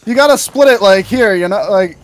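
Giggly high-voiced man joking around. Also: fairly quick. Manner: crude joking, laughs a lot. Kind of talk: casual joking banter.

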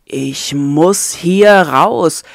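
Brooding male captive read by a woman, low and slow, storybook audiobook. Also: gravelly, no echo, studio quality, exaggerated voice. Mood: urgent, brooding. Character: troubled young male prisoner, desperate and brooding.

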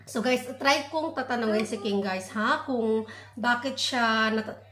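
A woman's voice: on the high side, unhurried, sharp tone, soft background music. A woman vlogger from the Philippines with a Hiligaynon accent, chatting casually to viewers at home while looking after her son. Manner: chatty, addresses viewers as guys, mixes Filipino and English. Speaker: vlogger and mother. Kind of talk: casual family vlog. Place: home kitchen indoors. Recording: echoey room.

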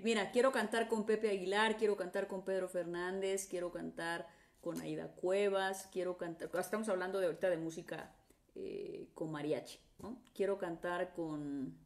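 A woman singer with a Mexican accent and a mid-range voice chats casually with fans on a live stream. She greets viewers by name and often trails off and restarts.

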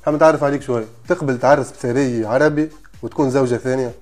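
Fast-talking Tunisian male interviewer. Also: medium pitch, steady tone, a little mellow. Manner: short probing questions. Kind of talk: casual interview questioning. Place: indoor studio set with armchairs.

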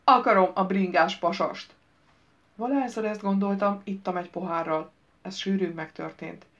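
Woman audiobook narrator, wry and brisk, middle pitch, slightly dull lo-fi sound. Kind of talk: first-person novel reading.

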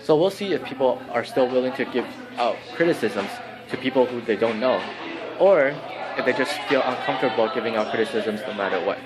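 A man's voice: mid-range voice, a little fast, a loud crowd. A young man talking earnestly into a phone camera held at arm's length in a campus hallway. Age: young adult. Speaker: vlogger. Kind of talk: casual vlog narration. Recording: noisy phone recording.

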